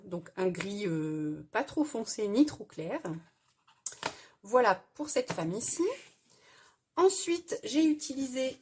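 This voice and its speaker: Husky-voiced woman explaining a craft project. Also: medium pitch, a little mellow. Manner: hesitant, explanatory, frequent "euh" fillers. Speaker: craft tutorial host. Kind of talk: casual crafting tutorial voice-over.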